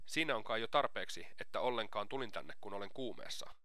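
A man's voice: lowish voice, lively intonation, pushed and bright, no echo, clean studio sound. A man reading an audiobook aloud, voicing a feverish, proud young student who answers curtly and defiantly. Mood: tense. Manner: defiant, curt.

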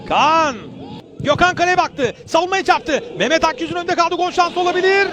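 A man commentating live on a football match in short, urgent phrases, excited and shouting at the big moments. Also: very high voice, fairly quick, a crowd in the background.

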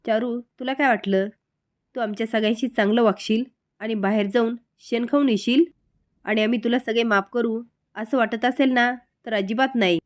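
A woman's voice: fairly high pitch, steady tone, normal speed, close to an everyday voice. A woman voicing a distraught, angry aunt who keeps pressing with reproachful questions.

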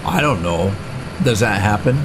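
Over clear tractor and engine noise from the game, a middle-aged man with a lowish, lively voice hosts a farming game let's-play at a moderate pace. His casual commentary for his gaming channel is rambling and chatty, full of fillers and restarts.

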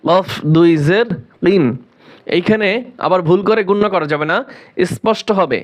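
A man teaching Quran recitation, spelling out each word syllable by syllable and then chanting it slowly. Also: high-pitched. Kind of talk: slow letter-by-letter recitation lesson.

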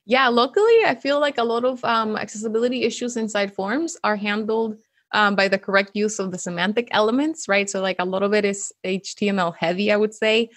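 Young woman from Venezuela, interview guest, friendly and clear, dry close studio mic sound. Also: medium pitch, fairly even intonation, fairly quick, a bit bright, dry recording. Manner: friendly, laughs often, explains clearly. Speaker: guest, web developer. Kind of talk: casual interview. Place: home room. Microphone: close studio mic with pop filter.

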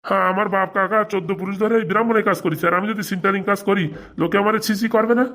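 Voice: mid-range voice, fairly even intonation, very fast, a bit bright, natural voice. A voice actor playing a bumbling, henpecked village priest who stumbles over chants and argues back, in a comic cartoon. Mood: defensive.

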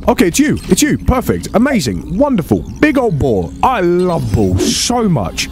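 A man's voice: sits high, huge pitch swings, moderate pace, music in the background. A man giving casual gameplay commentary, swearing freely and talking to the game's characters in bursts of exasperation. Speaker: let's play host.

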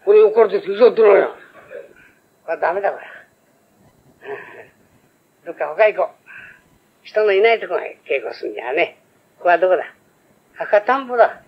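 A timid young pumpkin peddler who keeps muttering to himself, played by an older man. The voice is gravelly and pitched high, and it comes through a dull, lo-fi old recording. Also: expressive, brisk, pauses often, heavily acted. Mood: fretful. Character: naive young master turned pumpkin peddler.

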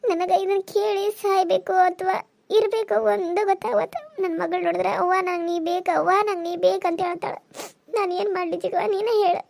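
A wronged young village wife from a cartoon serial, voiced by a woman, pleading in a very high, quick voice. She speaks with a North Karnataka Kannada accent and sounds aggrieved and close to tears. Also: level tone, vocal fry, darkish tone. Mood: tearful.

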